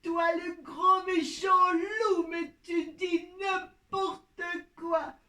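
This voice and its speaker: A woman voicing a haughty, fearless owl with a dismissive, drawn-out delivery in a children's story. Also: very high-pitched, level tone, sharp tone, exaggerated voice. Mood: scornful. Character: haughty owl, unafraid of a wolf. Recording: echoey room, distant from mic.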